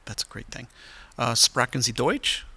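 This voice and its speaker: A man's voice: mid-range voice, normal speed, gravelly, sharp tone, slight background noise. A man hosting a podcast, chatty and prompting his guest with questions and rambling asides. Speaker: podcast host. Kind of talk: casual interview chat.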